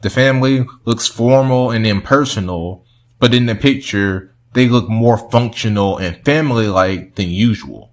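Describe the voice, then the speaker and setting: A young man hosting a video, talking casually through a commentary and chuckling often as he goes. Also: fairly low pitch. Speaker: video host.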